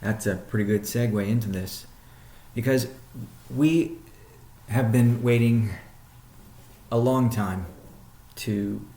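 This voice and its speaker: Hosting his weekly update call, a company CEO sets out news in an informal, explanatory fashion, often pausing in the middle of sentences. His fairly low voice is warm yet full of gravelly fry, captured in an echoey room.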